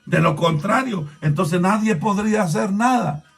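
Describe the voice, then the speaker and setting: A man preaching a sermon as a pastor, impassioned and rising to shouts, repeatedly urging his listeners to pay attention. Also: sits high, moderate pace, gravelly, breathy edge.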